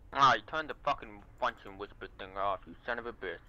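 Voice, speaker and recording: A man streaming an online shooter, chatting casually with swearing, excitable trash talk into a headset. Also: mid-range voice, vocal fry, dull audio. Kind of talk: casual gaming chat.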